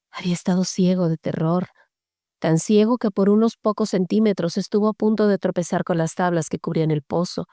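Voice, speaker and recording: A woman reading a horror story aloud as an audiobook narrator, steady and measured. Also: lowish voice, dry recording, studio quality.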